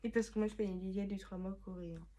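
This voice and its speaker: A young woman chatting casually in her bedroom, reading from her old notebooks with a rambling, self-mocking manner and sudden loud exclamations. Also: mid-range voice, steady tone, quick pace. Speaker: vlogger.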